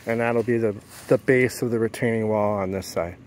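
A middle-aged off-grid homesteader and sailor films himself outdoors in the woods and at a marina, casually narrating his vlog and thinking aloud as he explains his work in a plainspoken way. His lowish voice is fairly even in intonation and a little fast; the rough recording carries a little hiss or hum, with music playing underneath.

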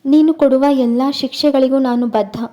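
A woman voicing a gentle, devoted young husband who pleads softly and apologetically in an audio story. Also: sits high, moderate pace, lightly acted. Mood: remorseful.

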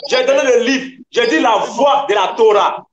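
A man's voice: very high-pitched, moderate pace, lo-fi sound, crowd noise. A man debating heatedly, combative and emphatic, hammering his points by repeating them. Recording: echoey room sound.

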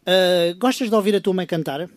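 A woman's voice: fairly low pitch, a little fast, no echo. A woman with a European Portuguese accent hosting a casual radio interview, coaxing and playful. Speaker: radio host.

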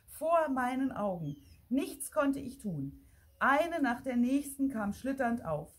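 A woman reading a Christmas fairy tale aloud in a lively, expressive storytelling manner. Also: sits high, slow pace, husky. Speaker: audiobook reader.

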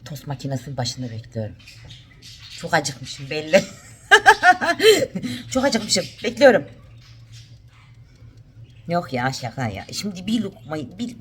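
Woman vlogger from Turkey, thirties, lower-pitched voice with a very lively swing, casual kitchen chat, faint household noise. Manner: chatty, talks to her dog in a high teasing voice. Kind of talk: casual home vlog chat. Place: home kitchen.

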